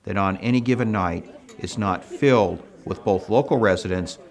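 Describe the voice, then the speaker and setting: A man's voice: fairly low pitch, moderate pace, vocal fry. A man speaking as a local official, in firm, declarative statements.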